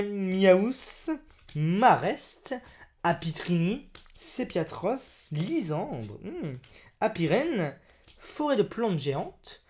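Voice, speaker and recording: A man opening trading card packs on camera, excitable and exclamatory, chatting to his viewers as friends. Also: high-pitched.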